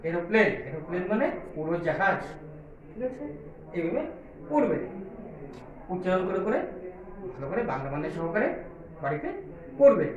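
A man with a Bengali accent teaching English to small children, spelling words out letter by letter and checking after each one whether they follow. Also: high-pitched. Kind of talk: slow, drilled English lesson for small children. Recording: echoey room, far from the mic, noisy crowd behind.

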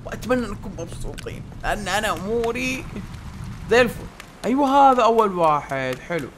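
A man giving excited commentary on a horror game, shouting, jumpy and mixing in English words. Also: sits high, fairly quick, slight background noise. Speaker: gaming YouTuber playing a horror game. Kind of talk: excited let's-play commentary.

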